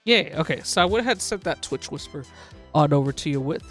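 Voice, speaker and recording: A woman hosting a live gaming stream, excitedly calling a race like a sportscaster for her viewers. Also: low voice, fast, faint music behind. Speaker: livestream host.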